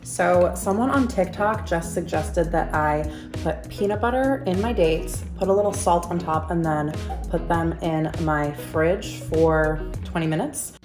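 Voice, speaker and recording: A woman's voice: fairly low pitch, unhurried, reverberant, over music. Bubbly young woman vlogging in her kitchen. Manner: bubbly, chatty, says "you guys" and "like" often. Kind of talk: casual vlog chat. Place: home kitchen. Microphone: camera mic, then phone.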